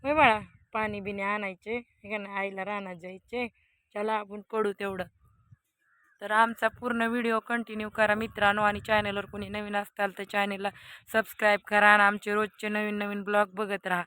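A woman's voice: mid-range voice, flat delivery, moderate pace, bright, forceful tone, no room sound. A woman vlogging her family's day in a village, chatting with viewers. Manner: chatty, talking to viewers while filming. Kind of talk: casual family vlog chat.

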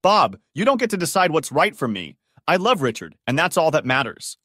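A man playing a heartbroken bride in her middle years, tearful and pleading. The voice is raised high and moves a lot, close and dry. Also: huge pitch swings, normal speed, a bit bright, no room sound, full character voice. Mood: defiant.

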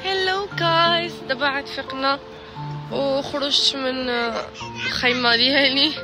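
A woman's voice: high-pitched, steady tone, moderate pace. A woman in her twenties with a Moroccan Arabic accent, chatting casually into a phone held at arm's length while vlogging outdoors. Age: 20s. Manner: chatty, switching into English phrases. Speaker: travel vlogger. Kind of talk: casual vlog narration. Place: campsite and street market outdoors in China. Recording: loud background music.

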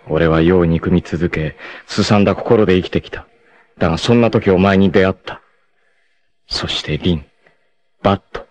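Rei, a grave, low-voiced warrior. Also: male voice. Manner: grave, intense dramatic delivery with anguished shouts. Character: proud young male martial arts warrior, fierce and devoted. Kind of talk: 1980s anime dubbing.

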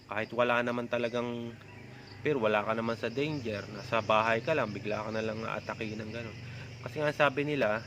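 A man's voice: medium pitch, fairly quick, fairly bright tone, a little hiss or hum. Man, rambling casual vlog talk. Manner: rambling, frequent filler tags. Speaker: vlogger.

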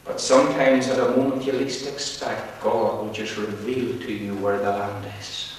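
A man's voice: on the low side, little pitch movement, moderate pace, a little hiss or hum. A man preaching a fervent sermon in repetitive, biblical phrasing. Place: church meeting hall. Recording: echoey church hall, voice far from mic.

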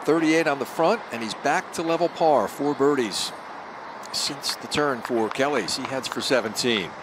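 A man working as lead golf commentator, giving live play-by-play in a measured, polished broadcast manner. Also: mid-range voice, background noise.

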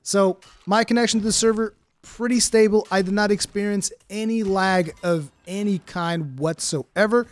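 Here a Portuguese gaming streamer with an American-sounding accent in English talks at a moderate pace with few pauses. His voice sits high and there's no echo. He casually explains his first impressions of a game, chatty and full of filler words.

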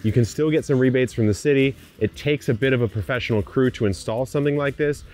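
A man's voice: mid-range voice, fast, darkish tone. A man in his thirties, hosting a gardening channel, explains his yard systems outdoors in an enthusiastic, friendly walkthrough on a lapel mic. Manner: friendly, enthusiastic explainer, gesturing while walking around. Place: outdoors in a suburban yard and on a rooftop.

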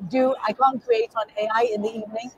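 A woman's voice: on the high side, fast, muffled recording, slight background noise. A middle-aged woman from Kenya, talking enthusiastically as an interview guest at an indoor expo booth. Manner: animated, enthusiastic, gesturing while talking. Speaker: guest artist. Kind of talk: casual interview.

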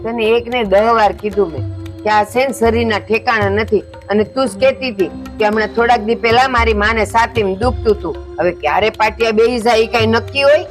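High-voiced, domineering older village woman. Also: a little fast, soft background music. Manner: scolding, domineering. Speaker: scheming mother-in-law. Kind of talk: village family drama acting.

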